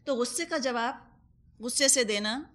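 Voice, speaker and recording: A fairly high, slightly bright female voice with a Pakistani Urdu accent leads a Quran commentary lesson. The teacher explains patiently, draws on everyday examples, and inserts English words as she goes.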